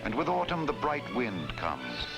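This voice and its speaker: A man reading scripted, poetic documentary narration in a solemn, grand, oratorical manner with dramatic pauses. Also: medium pitch, wildly swooping pitch, vocal fry. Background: loud music.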